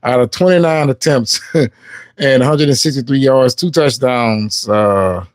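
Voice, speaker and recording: A man's voice: medium pitch, measured pace, dry recording. A man hosting a casual sports live stream. He reads game stats aloud and chats with viewers. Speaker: sports livestream host.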